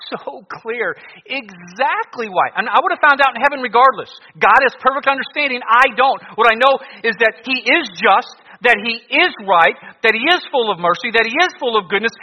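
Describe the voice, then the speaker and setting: A man preaching an evangelistic sermon as a pastor, with the fervent, emphatic warning of a doomsday street preacher, repeating his phrases. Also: very high voice. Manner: emphatic, repeats phrases, swings from loud to hushed. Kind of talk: evangelistic sermon with altar call. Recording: dull, reverberant large hall PA.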